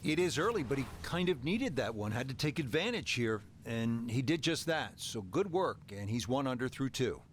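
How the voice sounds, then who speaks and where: A man giving golf commentary as the play-by-play announcer, speaking in short, measured observational phrases. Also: medium pitch, sing-song, a little hiss or hum.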